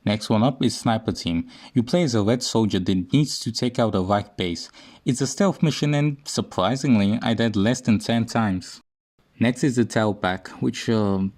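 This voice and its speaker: A young man giving casual, rambling game commentary in a slightly low voice. He jokes and mocks himself as he goes. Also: a little mellow. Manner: joking, self-mocking, rambling. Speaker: gaming video host.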